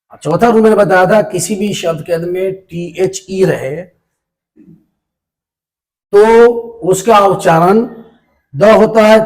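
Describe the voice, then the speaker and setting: A man teaching an English pronunciation lesson to pupils, slowly repeating and spelling out sounds. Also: sits high, poor audio.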